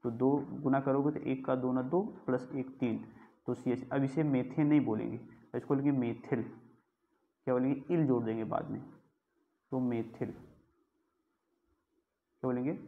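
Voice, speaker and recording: A man's voice: mid-range voice, fairly even intonation, moderate pace, pauses often. Man, chemistry teacher, classroom lecture, answers his own questions, tinny phone-like sound.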